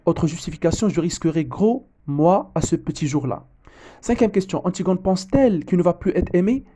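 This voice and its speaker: A man correcting an exam as a teacher, often pausing on fillers and restarting his sentences. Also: high-pitched, expressive, dark tone, a little hiss or hum. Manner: hesitant, frequent fillers and restarts. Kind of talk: exam correction lesson, reading the text aloud.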